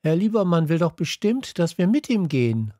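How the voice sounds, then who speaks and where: A man reading a children's audiobook, voicing an eager young schoolgirl in a raised, excited voice. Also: on the high side, moderate pace, dry recording, studio quality, voice pushed up.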